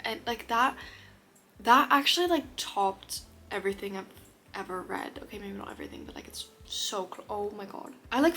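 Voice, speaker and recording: A woman chatting casually as a book vlogger, gushing and excitable, sometimes dropping to a whisper. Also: on the high side, gravelly, slight background noise. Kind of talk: casual chat. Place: her room. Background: faint rain.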